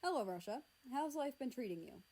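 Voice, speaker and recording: A woman voicing a calm, polite British father in a read-aloud fan story, gently stern. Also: on the high side, normal speed, low-quality recording. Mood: kind.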